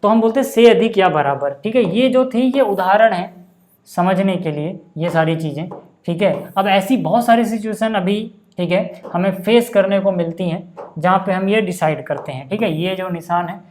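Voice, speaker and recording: A man teaching a maths lesson at a board, patiently repeating examples and often pausing to ask the class whether it makes sense. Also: sits high, darkish tone. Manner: keeps checking in with rhetorical questions.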